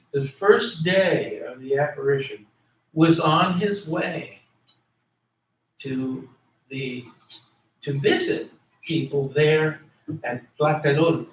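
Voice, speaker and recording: A man with a slightly high voice gives a classroom lecture in a conversational style, speaking slowly and pausing often. He asks his students questions and repeats key words. The recording was made from far off in an echoey classroom.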